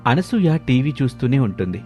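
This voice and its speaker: Guy reading out a family moral story, steady and even. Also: medium pitch, moderate pace, soft background music. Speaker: narrator. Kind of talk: scripted story narration.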